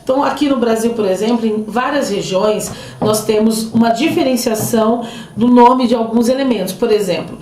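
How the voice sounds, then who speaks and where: A woman's voice: on the high side, normal speed, mellow, slight background noise. A middle-aged woman teacher with a Southeastern Brazilian accent, giving a grammar review lesson and explaining with frequent hesitation fillers. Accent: Southeastern Brazilian Portuguese. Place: roomy space near a street, where a passing motorbike is heard. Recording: echoey amateur room recording.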